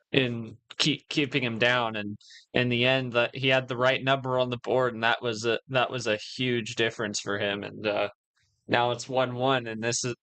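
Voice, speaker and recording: A man's voice: medium pitch, sharp tone, no room sound. A man giving loose play-by-play commentary on a card game match, laughing often.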